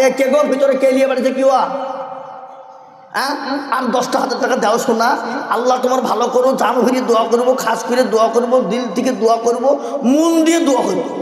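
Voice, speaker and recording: A man with a West Bengal Bengali accent preaching a fiery sermon at a large religious gathering, shouting, coaxing the crowd, and breaking into sung verse. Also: very high-pitched. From West Bengal, India. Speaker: Islamic preacher. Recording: echoey public-address sound, long reverb.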